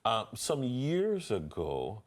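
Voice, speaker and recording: A man's voice: medium pitch, huge pitch swings, takes it slowly. A man co-hosting a morning TV show, asking a guest questions with hesitant fillers. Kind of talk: TV studio interview.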